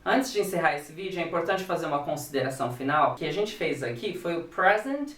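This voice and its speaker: A man teaching English at home in a playful, animated way. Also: on the high side, fast talker. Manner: playful, animated, spells out letters. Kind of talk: casual video lesson. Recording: echoey room, distant mic.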